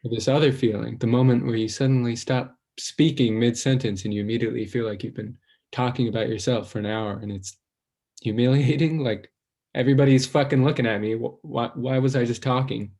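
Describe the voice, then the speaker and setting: An actor playing an anxious, self-conscious young man who rambles, stalls and trails off into quiet self-doubt in a stage play. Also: medium pitch, steady tone, a little fast, lightly acted. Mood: rambling, ashamed.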